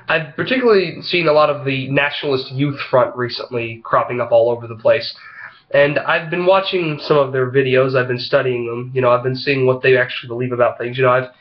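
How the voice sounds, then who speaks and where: Talking to camera in a casual opinion vlog, a vlogger with a head cold sounds congested and slightly froggy, his pitch in the middle of the male range. He halts and rambles, leaning heavily on "uh" and "you know," and the audio is a little muffled.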